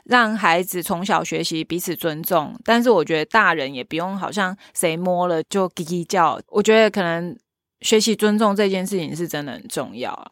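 A woman with a Taiwanese Mandarin accent, a children's theater troupe leader, chatting in an interview and retelling stories with animated quoted dialogue. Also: lowish voice, moderate pace, no room sound, clean studio sound. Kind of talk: casual interview talk, storytelling.

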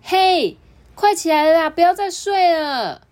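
A woman voicing a lonely little red button in a children's story, high and childlike. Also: lively intonation, moderate pace. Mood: eager.

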